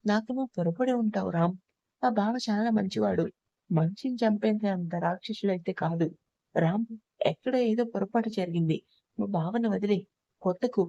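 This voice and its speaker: A woman's voice: medium pitch, normal speed, gravelly, mellow, dry recording. A woman voicing a heartbroken young bride who pleads sorrowfully, in a dull lo-fi recording.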